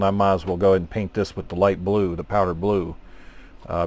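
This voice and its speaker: A man casually narrating his scale model painting, talking in a relaxed, rambling way with many fillers. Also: fairly low pitch. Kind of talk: casual hobby tutorial narration.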